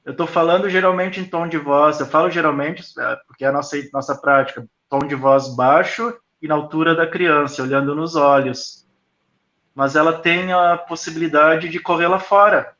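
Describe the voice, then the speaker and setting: A man speaks in a thoughtful, explanatory way as an interview guest, pausing often as he works through his answers. His voice sits a little high. The sound is roomy and echoing, and the audio is dull and lo-fi, like a video call. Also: sharp tone. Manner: reflective, explanatory, with frequent pauses. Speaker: school founder, interview guest.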